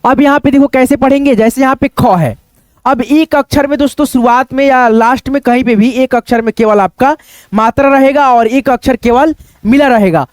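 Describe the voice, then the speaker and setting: A young man teaching Hindi reading in a casual spoken lesson, repeating sounds and words slowly and calling to his viewers as friends. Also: very high-pitched, dry recording. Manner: repetitive, drills words slowly, coaxing "dosto".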